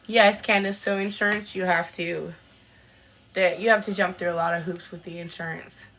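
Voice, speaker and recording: A woman's voice: fairly low pitch, steady tone, normal speed, a bit bright, a little hiss or hum. Woman, podcast co-host, casual live-stream chat, chatty, frequent ums, answering viewer comments.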